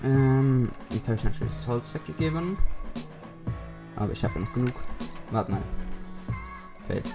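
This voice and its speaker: Eine Frau kommentiert locker ihr Minecraft-Spiel, murmelt vor sich hin und ruft zwischendurch, über ein übersteuertes, verzerrt clippendes Mikrofon aufgenommen. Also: female voice, a bass voice, lively intonation, normal speed. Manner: mumbles to herself, fillers, sudden calls while playing. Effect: clipping, distorted overdriven mic. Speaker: Minecraft let's player. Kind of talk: casual gameplay commentary. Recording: clipping mic with game music behind.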